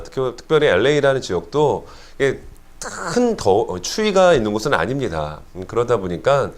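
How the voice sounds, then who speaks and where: A man preaching a sermon as a pastor, with a nasal, congested voice from a stuffy nose and an emphatic delivery. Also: mid-range voice. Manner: emphatic preaching with rhetorical questions. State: stuffy nose from pollen allergy. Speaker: Korean church senior pastor.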